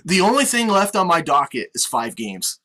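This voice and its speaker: An American man with on-air experience hosts a casual sports podcast over an online video meeting call, chatting conversationally. His voice is a little high, pushed and bright, with huge pitch swings at a moderate pace.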